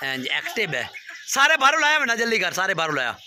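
A man with a high, bright voice that swoops all over as he bargains briskly and bosses people around outdoors. He sounds like he is filming on a handheld phone in a farmyard, with faint noise behind him. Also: huge pitch swings. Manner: brisk, bossy, haggling. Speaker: livestock dealer and video host. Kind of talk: casual on-camera bargaining.

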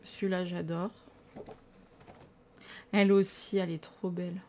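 A woman's voice: fairly low pitch, level tone, measured pace, dark tone, slight background noise. Chatty tired French woman vlogging. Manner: chatty and enthusiastic, self-mocking. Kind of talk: casual chat, showing books.

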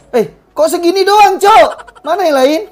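A woman hosting a game session, barking repeated commands at players and swearing casually. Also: very high voice. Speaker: gaming channel host. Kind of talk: live game commentary giving orders to players.

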